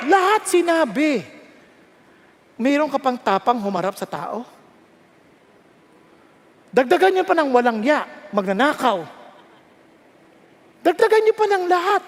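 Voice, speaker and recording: Filipino-accented male pastor, high lively voice, sermon, long hall reverb. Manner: animated, self-mocking, switches between shouting and hushed asides.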